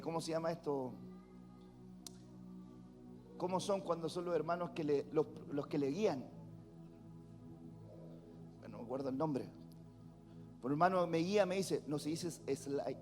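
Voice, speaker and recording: Male Chilean pastor, high voice, emphatic and repetitive preaching, reverberant church hall. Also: darkish tone. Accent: Chilean Spanish. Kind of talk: sermon. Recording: long hall reverb with faint music.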